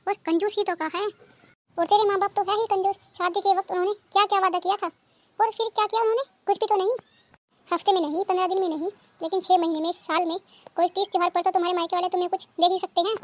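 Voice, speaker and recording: A woman voicing a stern, sharp-tongued village mother-in-law in a cartoon. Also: very high voice, fairly even intonation, fast, lo-fi sound. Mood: scolding. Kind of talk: cartoon dubbing.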